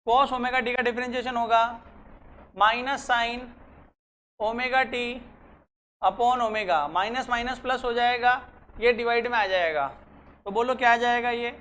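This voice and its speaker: Brief: physics tutor, mid-pitched, dictating slowly, repeating lines, faint background hiss. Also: a bit bright. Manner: dictates slowly, repeats phrases, quizzes students. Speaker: physics teacher. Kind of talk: classroom lecture mixing Hindi and English.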